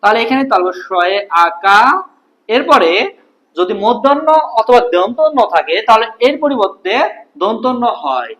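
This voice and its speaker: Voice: mid-range voice, big pitch swings, normal speed, a bit bright, low-quality recording. A teacher, explaining a grammar lesson step by step and answering their own questions.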